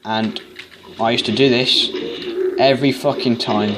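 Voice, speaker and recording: A man's voice: mid-range voice, steady tone, a little slow. A man giving rambling, foul-mouthed commentary over his game playthrough. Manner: swearing, rambling and joking. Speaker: gamer. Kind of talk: let's play commentary. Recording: noisy home recording.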